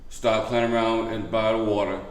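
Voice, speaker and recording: A man presents a casual update as a vlog host. His voice is on the low side and he stresses his points by repeating them. The sound has a clear room echo. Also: flat delivery, normal speed. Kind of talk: casual news update to camera. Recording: echoey room.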